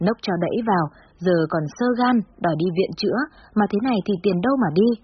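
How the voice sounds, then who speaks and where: A woman voicing an older mother, shrill and whiny as she complains, in a story reading. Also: quick pace, highs cut off, slight background noise, lightly acted. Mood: griping.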